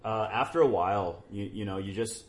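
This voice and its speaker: Low-voiced male voice-over guy, rambling. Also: brisk. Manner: relaxed, rambling, trails off quietly. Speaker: voice-over artist. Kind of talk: casual podcast chat.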